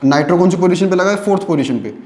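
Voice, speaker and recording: A man's voice: high voice, animated, very fast, darkish tone, reverberant. A man teaching a chemistry lesson in Hindi, explaining step by step and often checking whether students follow. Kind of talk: online lecture.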